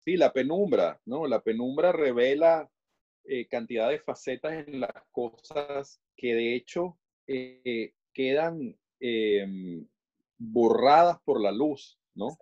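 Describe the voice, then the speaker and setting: A man with a Venezuelan Caribbean Spanish accent in reflective conversation, pensive and pausing to search for his words. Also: medium pitch, darkish tone, dull audio. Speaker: interview guest.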